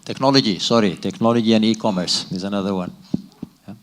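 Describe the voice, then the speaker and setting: A middle-aged man from Sudan with a fairly low voice, fielding questions at a conference. He speaks in a measured, thoughtful way, stopping and restarting his sentences as he works out his answers. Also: steady tone, slight background noise. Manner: measured, with frequent restarts and hesitations. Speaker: business executive, keynote guest. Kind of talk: fireside chat Q&A answers.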